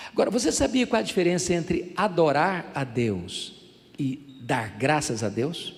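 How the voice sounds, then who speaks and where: Animated Brazilian pastor preaching. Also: male voice, on the high side, long reverb tail. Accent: Brazilian Portuguese. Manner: animated storytelling, acts out voices, builds to fervent prayer. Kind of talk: sermon.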